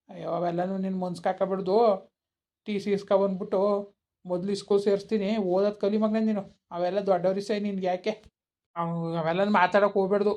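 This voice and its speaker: A woman playing a gentle, comforting village grandfather, soothing and coaxing. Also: medium pitch, lightly acted. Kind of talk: village comedy skit acting. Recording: dull lo-fi recording.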